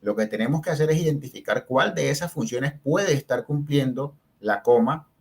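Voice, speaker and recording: A man's voice: mid-range voice, normal speed, a little mellow. A man giving a spelling lesson who explains step by step, stresses example words and keeps checking in with short questions. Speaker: teacher.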